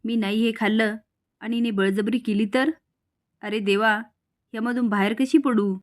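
A woman's voice: on the high side, fairly even intonation, normal speed, lightly acted. A woman voicing a frightened, scheming middle-aged aunt who mutters fretfully in a storybook recap. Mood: panicked.

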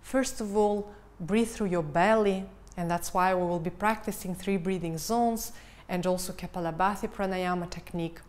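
A woman in her thirties giving a guided breathing lesson in a calm, instructional manner. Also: on the low side, normal speed. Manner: calm, instructional, counting and cueing. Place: living room, indoors. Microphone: lavalier lapel mic.

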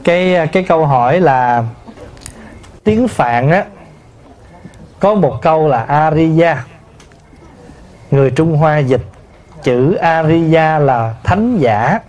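A man, a Buddhist monk, giving a sermon to an assembly and explaining pronunciation slowly with many repetitions. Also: on the high side, lively intonation, a little mellow. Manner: slow, explanatory, addresses the assembly, repeats terms to teach pronunciation. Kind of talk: sermon answering a listener's question.

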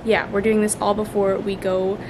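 A woman's voice: medium pitch, flat delivery, moderate pace. A young woman chatting upbeat in a casual travel vlog, filming herself at arm's length with lots of fillers. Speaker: vlogger. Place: in a car, outdoors on ice, and in a living room. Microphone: handheld camera at arm's length. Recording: loud car and road noise.

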